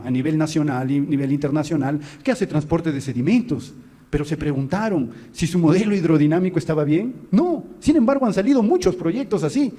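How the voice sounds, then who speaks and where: A man lectures on a research topic. He explains step by step and often turns to the audience with small question tags. His voice sits somewhat high and has a soft, mellow tone. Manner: explanatory, addresses listeners directly, frequent "¿no?" tags. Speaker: researcher presenting a talk. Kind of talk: technical presentation to an audience.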